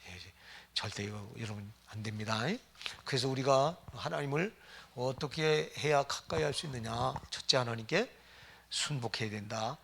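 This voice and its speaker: A man's voice: medium pitch, normal speed, gravelly, fairly bright tone, slightly rough. A middle-aged man preaching a sermon as pastor, emphatic and firing rhetorical questions at the congregation.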